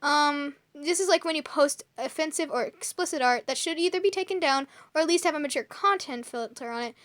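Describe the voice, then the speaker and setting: Chatty high-voiced young woman. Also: fairly quick, fairly bright tone, no room sound. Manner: chatty, filler-heavy, stumbles over words. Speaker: co-host. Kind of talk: casual chat reading a list.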